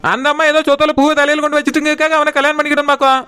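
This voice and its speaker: High bright cartoon village girl, talks super fast, keeps pleading with her boss. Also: completely flat delivery. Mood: worked up. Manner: pleading, earnest, tearful at times. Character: anxious, meddling young village woman. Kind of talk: cartoon voice acting.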